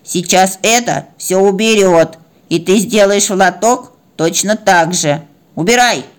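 A woman's voice: medium pitch, lightly acted. A woman playing a bossy lecturing cat. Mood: scolding. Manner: slow, lecturing, scolding. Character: bossy adult female cat, self-important teacher.

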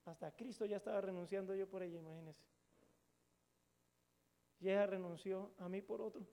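A middle-aged man preaches to his congregation. His voice sits high and carries a gravelly edge. He tells stories casually and jokes as he goes, throwing questions out to the audience. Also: steady tone, moderate pace, mellow. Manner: colloquial, joking storytelling with questions to the audience. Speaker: pastor. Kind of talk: sermon.

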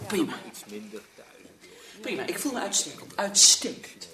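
A woman's voice: medium pitch, sing-song, bright, forceful tone, reverberant, recorded from a distance. An actress playing a nervous, slightly drunk middle-aged mother who stammers defensively in a radio play. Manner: defensive, halting.

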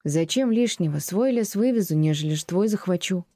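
A woman voicing a blunt, resentful peasant man who answers in curt, gruff retorts, as an audiobook reading. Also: on the low side, lively intonation, brisk, warm tone, no room sound, studio quality. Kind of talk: audiobook reading of classic prose.

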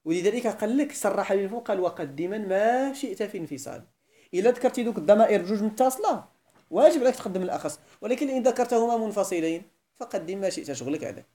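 A man with a warm, high voice and a Moroccan accent lectures on Arabic grammar as an Islamic scholar. He switches between classical Arabic and Moroccan dialect, repeatedly making sure the class understands.

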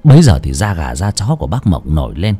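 A man narrating an audio story in an expressive storytelling manner. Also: deep voice, fast, breathy edge, faint music behind.

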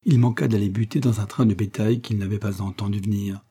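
A man reading an audiobook novel aloud in a measured, even storytelling manner. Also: fairly low pitch, husky. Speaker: audiobook reader. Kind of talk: scripted narration.

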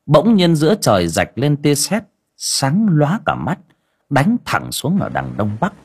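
Husky, expressive male storyteller. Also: fairly high pitch, a little slow. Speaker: narrator. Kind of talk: audiobook narration.

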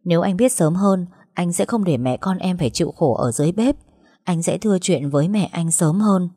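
A woman's voice: fairly low pitch, lively intonation, brisk, dark tone, slightly rough, no room sound, studio quality. A woman voicing a tender young husband who reassures and comforts his wife. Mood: earnest.

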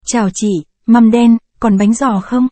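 A woman's voice: on the high side, fairly even intonation, measured pace, mellow, dry recording, close to an everyday voice. A woman reading the lines of a swaggering, lecherous male soldier in a storybook tale, brash and flirting.

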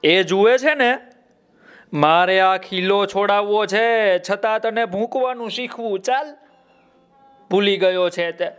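A man's voice: sits high, slow, a bit bright, clean tone, faint music behind. A man voicing a busy young male calf tied to a post, bossy and bleating as he teaches.

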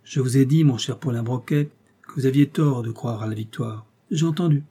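A violent circus clown, as a man reads him aloud, spitting sarcastic defiance in a raised, forceful, husky voice. He pitches his voice higher and louder than the narration, mellow in tone yet rough at the edges. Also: fairly quick, close to an everyday voice. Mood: defiant. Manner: sarcastic, raging, then pleading.

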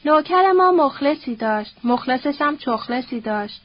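A woman's voice: high-pitched, expressive, no room sound, dull audio. A woman voicing a bitter, scornful old nobleman who curses and quotes proverbs in a sneering, coarse, grumbling way.

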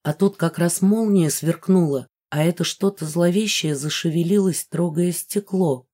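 A woman narrating a first-person novel as an audiobook in a smooth, even storytelling manner. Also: fairly low pitch, normal speed.

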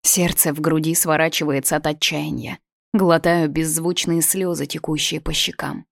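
A woman's voice: sits low, fairly even intonation, moderate pace, creaky, no room sound, studio quality. A woman reading a first-person story aloud, dramatic and emotional in her delivery. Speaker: audiobook reader. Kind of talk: first-person scripted narration.

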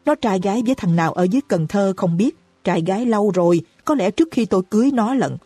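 A woman voicing a hot-tempered young husband in an audiobook, hurling rapid, furious accusations. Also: mid-range voice, lively intonation, dark tone, breathy edge, no echo, soft background music.

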